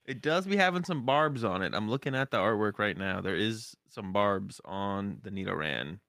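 Bright-voiced joking male co-host. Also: fairly low pitch, animated, moderate pace, gravelly, no echo, studio quality. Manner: joking, laughs often, wry asides. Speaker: podcast co-host. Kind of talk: casual podcast chat.

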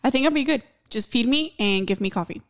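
A woman's voice: on the high side, expressive, fast talker. A woman co-hosting a podcast, telling stories in a casual, slangy way with some mild swearing. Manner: informal, slangy, uses mild profanity. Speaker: podcast co-host. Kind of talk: casual chat, storytelling.

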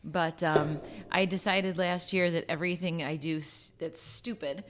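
A woman's voice: on the low side, steady tone, unhurried. A woman chatting casually as a podcast guest, laughing often. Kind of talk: casual chat.

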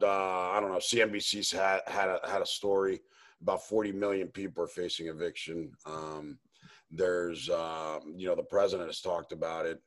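A man from Maryland hosting a casual interview, rambling with lots of fillers and restarts. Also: deep voice. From Maryland, USA. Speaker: host.

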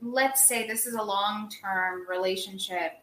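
A woman's voice: mid-range voice, a little slow, fairly bright tone. A young woman, a guest on a casual chat, explaining her views at length with plenty of fillers. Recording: echoey room.

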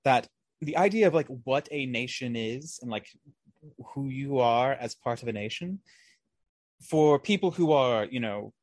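A man chatting as a podcast guest, full of restarts, asides and casual swearing. His voice sits in an ordinary middle pitch. The recording is close-miked and dry, with no room sound. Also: a little slow, no room sound. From raised partly in America, partly overseas. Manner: animated, rambling, self-interrupting, swears freely. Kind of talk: casual interview chat.

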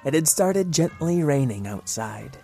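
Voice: medium pitch, lively intonation, a little slow, creaky, warm tone, soft background music. A narrator telling a comedic story in a patient, bemused way.

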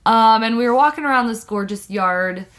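A young woman co-hosting a podcast, telling stories in an informal, expressive, conversational way. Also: fairly high pitch, normal speed. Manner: informal, expressive storytelling with swearing. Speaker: podcast co-host. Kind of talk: casual podcast chat and storytelling.

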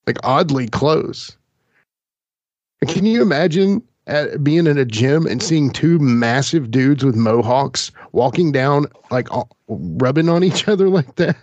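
A man's voice: mid-range voice, lively intonation, a little slow, darkish tone, dry recording. A man hosting a casual film watch-along, chatting and commenting in a jokey, rambling way. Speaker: watch-along podcast host. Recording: dry, dull lo-fi mic.

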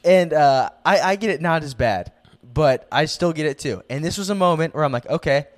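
Young male podcast co-host, lively and jokey, slightly high voice, loose chat. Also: a little fast. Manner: joking, laughs often, animated. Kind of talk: casual chat.

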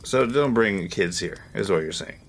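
A man's voice: fairly low pitch, lively intonation, normal speed, slight background noise. A man playing a tabletop game, chatting casually in a questioning, literal-minded way.

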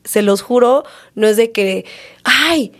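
A woman's voice: fairly high pitch, normal speed, a little mellow. A woman hosting a casual chat, talking with many fillers. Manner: chatty, frequent fillers. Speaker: podcast host.

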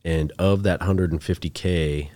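A chief deputy sheriff talking in a casual podcast interview, plainspoken and laid-back, calling the host bro. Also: male voice, low-pitched, steady tone, measured pace, darkish tone. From United States.

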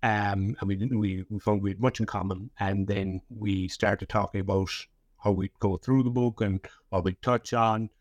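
In a casual interview chat, a guest author and historian in his thirties speaks with a Cork Irish accent from West Cork, Ireland, often repeating himself and restarting. His voice is lowish and steady at normal speed. The recording is lo-fi with no echo.

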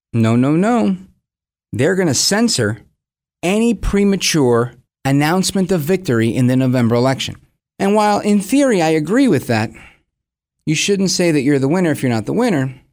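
Animated man in his forties. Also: mid-range voice. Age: 40s. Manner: animated, acts out imagined dialogue, rhetorical questions. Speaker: host of a commentary program. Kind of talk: opinionated conversational political commentary.

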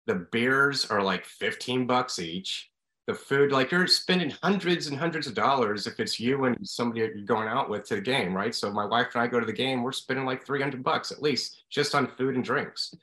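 A man speaks casually, with a bright, forceful voice at a middle pitch. The recording is roomy, with clear echo around his words. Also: moderate pace. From upstate New York. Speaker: guest, former hockey player. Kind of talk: casual chat. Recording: echoey, roomy sound.

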